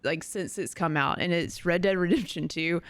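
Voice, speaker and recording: A relaxed, agreeable panelist in a casual chat. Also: mid-range voice, normal speed, no echo.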